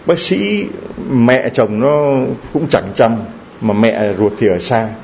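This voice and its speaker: A male preacher tells a story as a moral lesson, with a gravelly edge to his voice. His pitch leaps high and drops low as he gets caught up in the telling, often stammering over the same word. The recording is dull and lo-fi, with a faint hiss underneath. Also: big pitch swings, takes it slowly, a little mellow. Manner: emotional retelling with stammered repeats.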